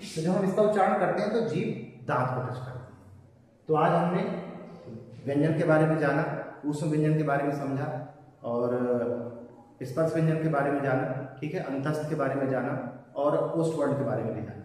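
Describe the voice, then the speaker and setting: A man's voice: fairly high pitch, a little fast, darkish tone, slight background noise. A man teaching a lesson to students, explaining step by step and answering his own questions. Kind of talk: classroom lesson on Hindi pronunciation. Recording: echoey room, voice from far off.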